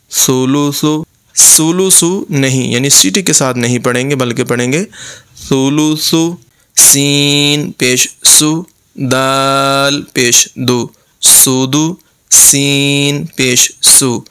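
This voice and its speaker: A man teaching Quran reading, spelling out letters and vowel marks slowly and explaining how to pronounce them. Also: medium pitch, fairly even intonation, pushed and bright, smooth, no room sound. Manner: slow, deliberate drilling of letter sounds with explanations. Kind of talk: recitation lesson, spelling letters aloud.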